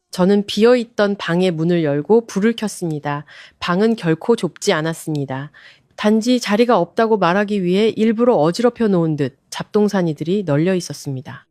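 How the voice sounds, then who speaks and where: Calm woman narrating radio drama. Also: mid-range voice, no room sound, clean studio sound.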